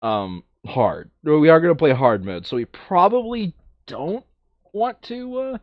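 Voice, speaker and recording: A man with a slightly high, sing-song voice speaks at a measured pace while hosting a board game video, chatting casually as he sorts game cards. He thinks aloud and often corrects himself. The recording is dry and the audio sounds dull.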